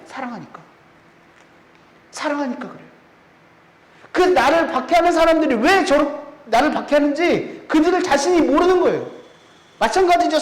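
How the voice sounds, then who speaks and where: A man preaching a sermon in a church, often putting rhetorical questions to the congregation. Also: very high-pitched. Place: church sanctuary. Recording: echoey church room.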